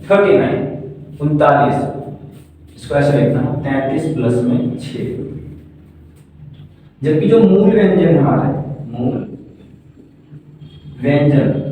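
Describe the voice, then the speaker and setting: Male teacher for a classroom lesson, mellow tone, heard from afar in a reverberant room. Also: fairly high pitch, a little hiss or hum. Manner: repeats questions and answers them himself; writes on a board while explaining. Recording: echoey room, far from the mic.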